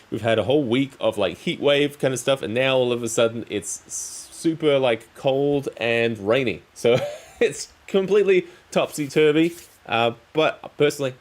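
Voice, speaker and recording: A man with a fairly low voice hosts a relaxed crafting stream. He talks casually and rambles, breaking his thoughts into short halting pieces. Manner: rambling, halting, trailing phrases. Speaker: streamer, crafting channel host. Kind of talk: casual livestream chat while crafting.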